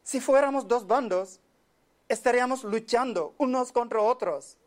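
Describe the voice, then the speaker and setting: A man from Senegal giving an earnest, measured monologue, often speaking quietly. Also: extremely high pitch. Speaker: speaker telling of his migrant life. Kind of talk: reflective spoken monologue.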